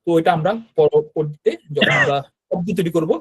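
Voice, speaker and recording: A man's voice: a little high, level tone, brisk, slightly rough, poor audio. A man teaching a beginner online language class, explaining step by step and checking in with students with a frequent "right?". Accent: Bangladeshi Bengali.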